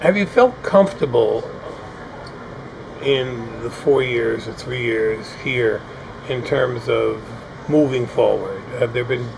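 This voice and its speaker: Male panel host, gravelly, meandering questions, noisy recording. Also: medium pitch. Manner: hesitant, rambling questions. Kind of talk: hosting a panel discussion.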